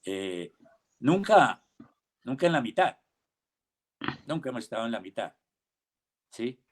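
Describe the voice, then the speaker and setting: An older man talks through his ideas on a video call, speaking slowly and deliberately. He stops often on fillers, then pushes his points with firm rhetorical questions. His pitch sits in the middle for a man. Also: big pitch swings. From Colombia. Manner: deliberate, halting with many pauses and fillers, emphatic rhetorical questions. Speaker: invited theatre director and playwright. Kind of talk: reflective panel talk. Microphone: computer or headset mic on a video call.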